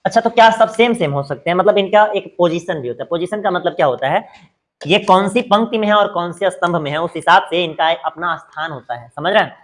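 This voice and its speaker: A man's voice: high-pitched, brisk, fairly bright tone. A man teaching a math lesson, asking questions and answering them himself, repeating the key words. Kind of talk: exam-prep math lesson.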